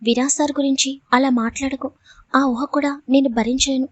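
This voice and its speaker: A woman's voice: high voice, steady tone, normal speed, dry recording, natural voice. A woman voicing a frightened young heroine who pleads in distress. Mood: pleading.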